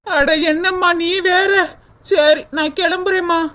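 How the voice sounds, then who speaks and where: A woman voicing a gentle, emotional young village wife in a cartoon, speaking softly and consolingly. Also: very high voice, steady tone, takes it slowly, heavy background noise. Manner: soft, pleading and consoling. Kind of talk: cartoon voice acting.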